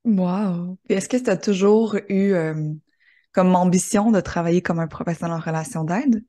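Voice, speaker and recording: Québécoise host on a video call, low warm voice, upbeat and encouraging with her guest. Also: normal speed. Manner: enthusiastic, encouraging interviewer. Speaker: interviewer and host. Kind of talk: friendly online interview.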